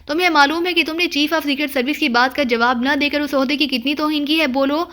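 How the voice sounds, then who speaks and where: A woman voicing an angry, bullying male spy chief who shouts his orders in an audiobook. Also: high-pitched, fairly even intonation. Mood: furious. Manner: shouting, hot-tempered, bossy.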